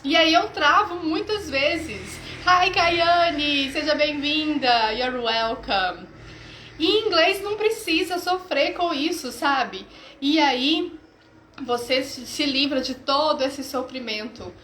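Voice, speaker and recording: High-voiced, upbeat Brazilian woman teacher. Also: slow pace, bright, forceful tone, roomy sound, a little hiss or hum, poor audio. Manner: enthusiastic, chatty, laughs often. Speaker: English teacher. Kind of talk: live-streamed lesson greeting viewers.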